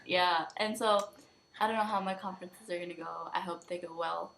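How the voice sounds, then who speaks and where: A woman's voice: on the low side, fairly even intonation, a little fast, vocal fry, fairly bright tone. A teenage girl chatting casually to camera with a friend, laughing often and rambling.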